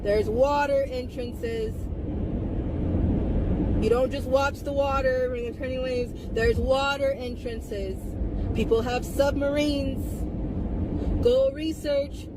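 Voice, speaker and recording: A woman's voice: high-pitched, steady tone, takes it slowly, long pauses. A woman in her twenties talking straight to viewers in an intense, rambling monologue, repeating her points for emphasis. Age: 20s. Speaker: vlogger addressing viewers. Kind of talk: rambling direct-to-camera monologue. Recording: loud traffic noise.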